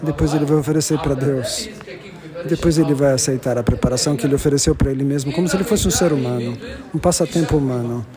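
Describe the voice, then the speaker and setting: A man giving a devotional lecture to a gathering, repeating and restarting phrases and slowing down to stress key terms. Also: on the high side, a crowd in the background. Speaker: religious lecturer.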